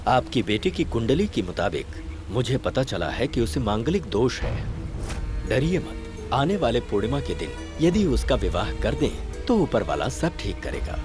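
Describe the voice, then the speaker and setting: Measured, formal priest. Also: male voice, medium pitch, sing-song. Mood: grave. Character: calm middle-aged priest-astrologer, Guruji. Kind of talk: Hindi film dub. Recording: film soundtrack with music.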